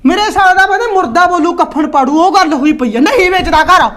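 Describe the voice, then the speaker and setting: A woman with an Indian Punjabi accent playing a boastful, scheming middle-aged village husband who bickers with rapid comebacks. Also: very high-pitched, a bit bright. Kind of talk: comedy skit acting.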